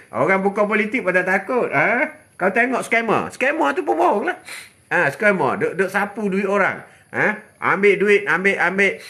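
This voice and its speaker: Fiery older Malaysian man preaching live. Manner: fiery, animated preaching with laughs and sudden low asides. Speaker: host of a live religious talk stream. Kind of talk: live religious advice talk.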